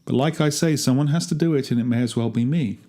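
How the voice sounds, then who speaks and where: A man with a medium-pitched, mellow, natural voice reads quickly through a first-person dramatic monologue. He plays a wry, grumbling gardener among ancient tombs, chatty and darkly humorous.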